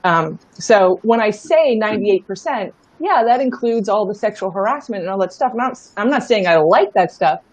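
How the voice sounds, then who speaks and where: A middle-aged woman who founded a startup talks as an interview guest, her medium-pitched, slightly mellow voice expressive and moderately paced with few pauses. She tells stories candidly and emphatically, often checking in with the listener, though the recording is dry and the audio poor.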